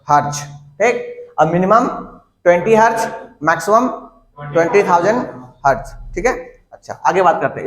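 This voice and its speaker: High-voiced man teaching in an echoey classroom. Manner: repeats and dictates terms to students, asks them questions. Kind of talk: classroom lecture.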